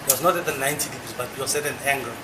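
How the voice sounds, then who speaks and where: A man testifying as an expert witness under cross examination, explaining technical points in a formal, measured way. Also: medium pitch. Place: courtroom. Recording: echoey, noisy courtroom recording.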